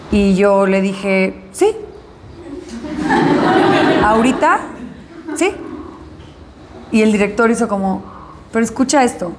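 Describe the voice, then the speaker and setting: A woman actress recounting an experience in an interview, lively and acting out the dialogue in her story. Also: fairly high pitch, slight background noise.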